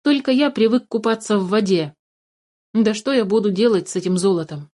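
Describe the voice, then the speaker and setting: A woman's voice: mid-range voice, a little fast, warm tone, natural voice. A woman voicing a polite, honest young boy in a storybook reading, earnest and courteous.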